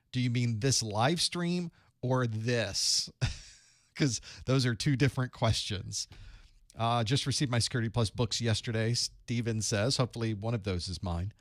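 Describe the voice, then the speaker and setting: A man talks loosely and warmly to his live chat, greeting viewers and thinking aloud as he gets his setup running. His voice sits at a middle pitch. The sound is dry and close, with no room echo. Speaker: instructor hosting a live study stream. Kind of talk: casual live-stream chat.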